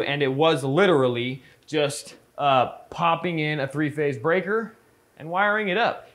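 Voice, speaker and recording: A man in his thirties with a slightly high voice that sounds congested and nasal, as though he were pinching his nose. He chats to the camera like a vlogger, in an easygoing, conversational way. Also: fairly bright tone. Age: 30s. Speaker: screen printing shop owner and vlogger. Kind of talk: casual vlog talk to camera. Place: indoors in a screen printing workshop.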